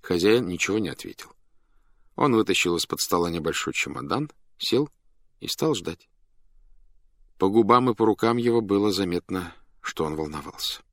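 A man reading a story aloud as narrator, in an animated, dramatic manner that speeds up and slows down. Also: sits low, no room sound, studio quality.

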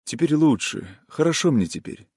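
A man voicing a feverish, weak young man in an audiobook reading, speaking faintly and breathlessly in a hushed voice. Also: on the high side, lively intonation, normal speed, slightly rough, dry recording, studio quality, voice pushed up.

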